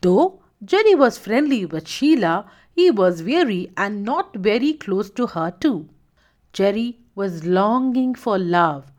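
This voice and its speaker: A woman hosting a children's story show, narrating in an expressive, sing-song way. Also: medium pitch, takes it slowly. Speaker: storytelling host.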